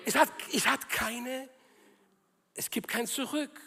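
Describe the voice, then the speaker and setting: A male preacher with a high, husky voice delivers a sermon in a slow, drawn-out way. He swings from loud calls to hushed, prayerful murmurs and asks the congregation to repeat after him. His voice carries a long reverb from a church hall.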